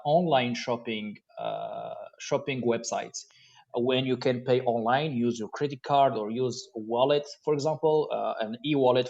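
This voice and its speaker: A Moroccan man who manages a payments business joins a video call as a guest, making casual remarks with hesitation and repeated words. His voice is medium-pitched and a little mellow, coming through dull, lo-fi call audio.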